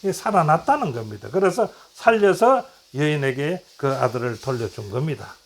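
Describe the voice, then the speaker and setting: Man teaching a Bible class, high voice, very lively intonation, asks himself questions and answers them. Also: normal speed, gravelly. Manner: acts out quoted lines in a lower voice, asks and answers his own questions. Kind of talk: Bible lesson retelling stories.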